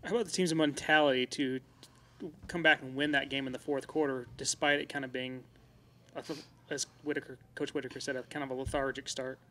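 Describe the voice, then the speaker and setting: A man, a reporter, putting hurried questions to the coach and players. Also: medium pitch, fairly even intonation, bright, forceful tone, slight background noise. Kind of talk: press conference questions.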